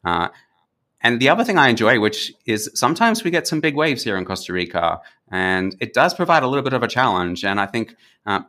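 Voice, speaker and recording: Bright-voiced Australian man, chatty guest. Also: medium pitch, very animated, a little fast. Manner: friendly, with frequent fillers and restarts. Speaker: podcast guest. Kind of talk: conversational interview.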